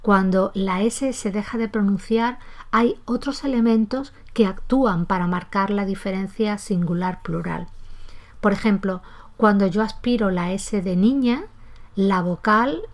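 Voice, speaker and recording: A woman giving a calm, methodical lesson on pronunciation, saying example words aloud to demonstrate, and softening the S at the ends of syllables in her own speech. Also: medium pitch. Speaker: language teacher. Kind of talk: explanatory lesson.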